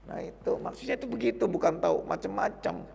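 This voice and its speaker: A male Sufi teacher, giving a casual, teasing sermon that swings between loud and quiet. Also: high-pitched, animated, fast talker, gravelly, long reverb tail, slight background noise.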